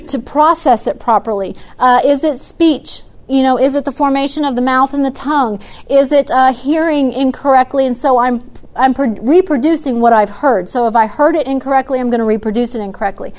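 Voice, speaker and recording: A woman's voice: sits high, steady tone, normal speed, a little mellow. A woman educator answering parents' questions about kindergarten readiness, explaining. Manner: explanatory, practical, many fillers. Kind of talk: Q&A talk to parents.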